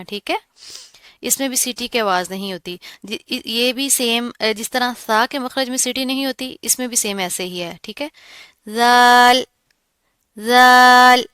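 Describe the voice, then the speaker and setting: In this pronunciation lesson, a Quran recitation teacher explains a sound and then pronounces it slowly, drawing it out. Her tone is crisp and bright and a little high, and the recording is dry and close.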